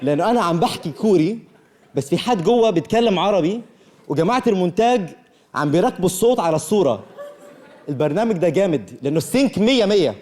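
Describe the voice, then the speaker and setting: A man from Jordan with a Levantine Arabic accent, doing stand-up on stage and teasing the audience with a deadpan, playful manner. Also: high voice, fast. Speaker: stand-up comedian guest. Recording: stage mic with loud audience and noise.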